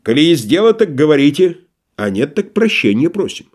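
A man's voice: fairly high pitch, sing-song, moderate pace, darkish tone, pitched above the performer's own voice. A man doing a wheedling old-style merchant. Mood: wheedling stubborn. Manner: folksy, wheedling, obsequious. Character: wily, stubborn middle-aged male merchant. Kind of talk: audiobook play reading.

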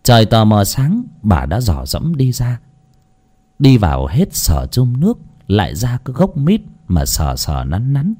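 A man narrating an audiobook story in an expressive storytelling manner. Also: mid-range voice, unhurried.

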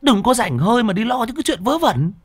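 A man voicing a blunt, hot-tempered young village man, scolding gruffly. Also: very high voice, big pitch swings, quick pace, no room sound, pitched above the performer's own voice, heavily acted.

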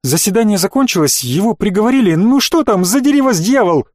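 A man voicing a distraught middle-aged male lawyer who keeps breaking into angry shouts. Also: high voice, sing-song, brisk, no room sound, studio quality, voice pushed up. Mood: agitated.

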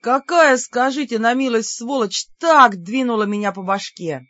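Narrator doing a battered young demon guy, whiny and hotheaded, loud indignant outbursts, dry slightly dull audiobook sound. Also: mid-range voice, lively intonation, moderate pace, no room sound, lightly acted. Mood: groaning, indignant.

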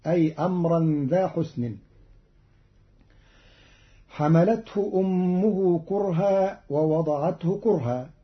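A man giving a formal, scripted explanation of Quranic reading variants, speaking in a measured and precise way. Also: fairly high pitch. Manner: measured, precise classical Arabic delivery. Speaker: Quran recitation teacher introducing the readings. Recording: dull lo-fi old recording.

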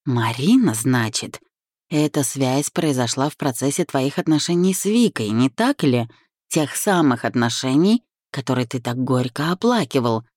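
A woman's voice: very deep voice, lively intonation, moderate pace, darkish tone, no echo, studio quality. A woman reading the lines of a cold, sarcastic young man who is the story's first-person hero, in an audiobook. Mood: cutting. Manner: sarcastic, cutting.

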